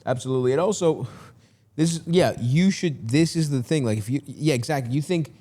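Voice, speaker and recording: A man's voice: mid-range voice, brisk. A man hosting a podcast, riffing casually with lots of swearing and laughter. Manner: laughing, profane, animated riffing. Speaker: podcast host.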